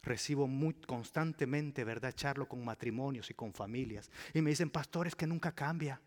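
A man preaching a sermon as pastor, acting out little dialogues, swinging from loud to a whisper. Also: mid-range voice, moderate pace. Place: church with a live audience. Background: soft piano.

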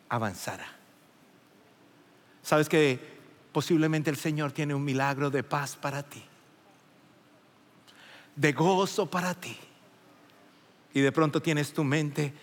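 A man's voice: mid-range voice, fairly bright tone. A male preacher giving a fervent, emphatic sermon and calling out to his congregation in a church. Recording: long reverb of a large hall.

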